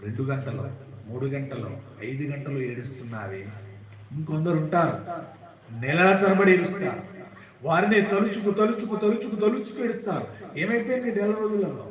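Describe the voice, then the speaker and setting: A man's voice: a little high, expressive, fairly quick, echoey room, slight background noise, poor audio. A man giving an impassioned devotional sermon, repeating rhetorical questions. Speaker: religious discourse speaker.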